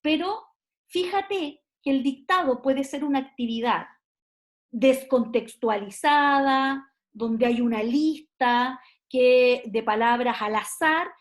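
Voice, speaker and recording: A woman's voice: sits high, slow. A woman giving an online university lecture, thinking aloud with many fillers and tag questions.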